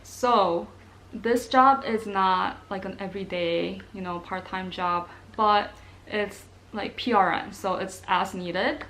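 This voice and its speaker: A young Korean woman, a nursing student vlogger, chats casually to camera with lots of ums and likes. Her mid-range voice is a bit bright and slow-paced, with faint background noise in the recording.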